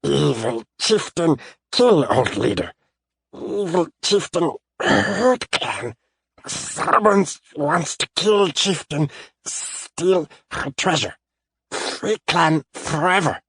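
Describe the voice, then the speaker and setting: A man voicing a small, scheming male kobold who speaks in broken phrases and calls himself by name, in a raspy voice. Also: fairly high pitch, animated, slow pace, a bit bright, no echo, studio quality, voice pushed up, exaggerated voice. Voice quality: raspy, gravelly. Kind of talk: audiobook character voice.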